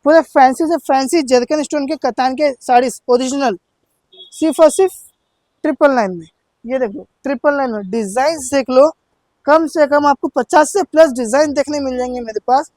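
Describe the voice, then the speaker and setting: A man's voice: very high-pitched, moderate pace, darkish tone, no echo, rough recording. A man selling in an eager teleshopping style, insistent and repetitive, pushing his sale offers as a shop seller.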